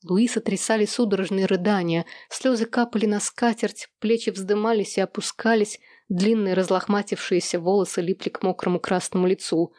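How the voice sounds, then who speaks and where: A woman narrates an audiobook at a steady pace. Her reading is measured and even. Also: mid-range voice. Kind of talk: scripted narration.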